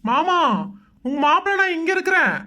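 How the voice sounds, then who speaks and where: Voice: very high-pitched, expressive, bright, forceful tone, full character voice. A performer voicing a young husband in a Tamil cartoon, grumbling and sarcastic about his in-laws. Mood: exasperated. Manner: grumbling, sarcastic, quick complaints.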